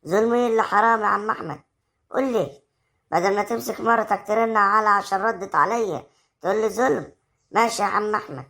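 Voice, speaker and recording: This lightly acted performance comes from an amateur web drama actor with an Egyptian accent, speaking at a quick pace in a slightly bright voice. As a bossy village mother, she confronts and shrilly scolds her son's wife.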